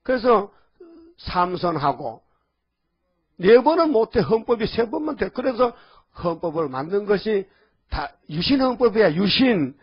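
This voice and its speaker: A man preaching a sermon in a folksy, rambling way, often calling out to the congregation with quick questions. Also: sits high, sing-song, husky. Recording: dull lo-fi audio.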